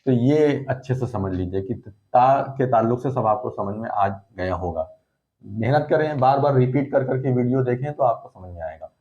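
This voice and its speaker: A man's voice: medium pitch, lively intonation, moderate pace, warm tone, dull audio. A man teaching a recorded lesson, explaining patiently and repeating points with frequent check-ins. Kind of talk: recorded lesson on letter shapes.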